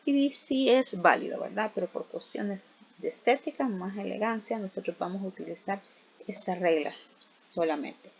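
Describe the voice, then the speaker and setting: A woman's voice: medium pitch, moderate pace, creaky. A woman teacher giving a recorded grammar lesson, explaining step by step and asking rhetorical questions as she goes. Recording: dull, slightly noisy recording.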